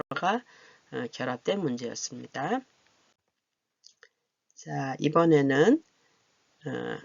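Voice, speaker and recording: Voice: medium pitch, creaky, dry recording. A language teacher giving a beginner grammar lecture, patiently repeating each question and model answer. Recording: dull lo-fi recording.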